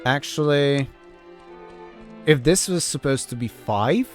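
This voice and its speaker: A man talks through a game he is playing in a casual way. His delivery is slow and halting with repeated words and free swearing, and music plays faintly behind him. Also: mid-range voice, expressive. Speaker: gamer narrating own playthrough.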